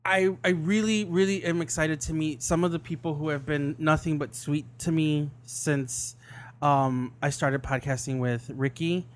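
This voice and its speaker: A man with a somewhat high voice chats casually as a podcast co-host. He talks haltingly, often repeating words as he finds his thought. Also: fairly even intonation. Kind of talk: casual chat.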